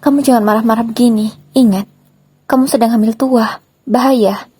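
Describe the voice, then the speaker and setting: A woman voicing a remorseful young husband who softly begs his wife for forgiveness in a spoken story. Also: on the high side, fairly even intonation, normal speed, husky, no echo. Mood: pleading. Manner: soft pleading, apologetic. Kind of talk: storytelling with voiced dialogue.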